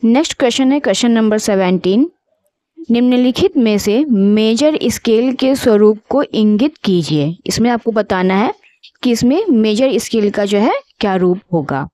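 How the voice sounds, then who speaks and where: A woman teaching an exam-prep lesson, reading options slowly and repeating each answer. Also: on the high side, animated, mellow, dry recording. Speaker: music exam tutor.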